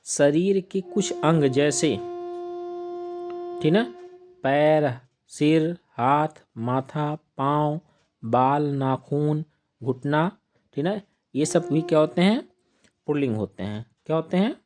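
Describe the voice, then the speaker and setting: Man, slow teacher, higher voice, reads out word lists, answers his own questions. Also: darkish tone, a little hiss or hum. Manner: asks rhetorical questions and answers them himself in a lower voice; drawn-out listing of examples. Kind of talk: live online grammar class.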